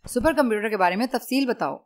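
A woman's voice: on the high side, animated, quick pace, natural voice. A woman reading the lines of a cold, ruthless male secret agent in an audiobook, giving clipped, icy commands.

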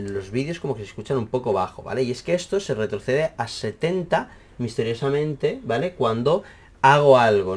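Young man, Spain Spanish accent, animated, exaggerated, swears, lots of fillers, casual tech chat. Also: mid-range voice. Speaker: math teacher and YouTuber. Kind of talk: casual rambling tech explainer.

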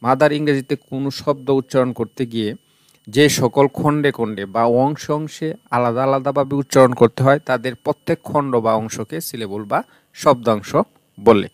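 A man with a Bangladeshi accent teaching an online English lesson, explaining slowly and repeating terms. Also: mid-range voice, dry recording. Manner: explains slowly, repeats terms in two languages, breaks words into syllables.

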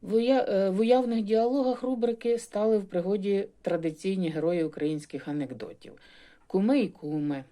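A woman philologist giving a prepared talk on phonetics, explaining with gentle irony and demonstrating sample pronunciations. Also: medium pitch. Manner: ironic, explanatory, models pronunciations. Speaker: university philologist.

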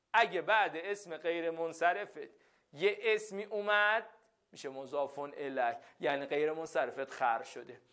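A man's voice: high-pitched, pushed and bright. A male teacher giving a classroom lesson, repeating phrases and often checking that the students follow.

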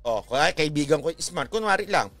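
Filipino guy ranting casual, high lively voice, laughs a lot, some faint music. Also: quick pace, no room sound. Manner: chatty, laughing, teasing asides, mixing Tagalog and English. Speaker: vlogger commentator. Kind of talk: casual commentary.

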